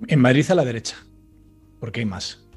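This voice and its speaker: A man's voice: medium pitch, expressive, fairly quick, husky, faint music behind. A man giving analytical, emphatic commentary on a talk show as a political analyst.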